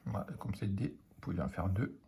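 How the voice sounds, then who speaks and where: A man's voice: deep voice, a little fast, vocal fry, warm tone, slight background noise. A French man teaching a children's reading lesson, sounding out words letter by letter and syllable by syllable.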